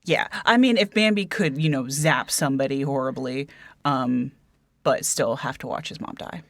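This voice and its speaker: A woman's voice: extremely low pitch, moderate pace, dry recording. Woman cohost rambling thru a book chat, lots of ums, dry close sound. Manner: hesitant, many fillers and restarts. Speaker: podcast co-host. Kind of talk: casual book discussion.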